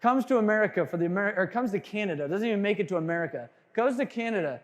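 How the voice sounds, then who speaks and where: A high-voiced sales trainer works the room at a seminar, cracking jokes and quizzing the crowd in a punchy, animated, racing delivery. A long reverb trails his words, like he's in a big hall, giving the energetic live talk a cavernous feel.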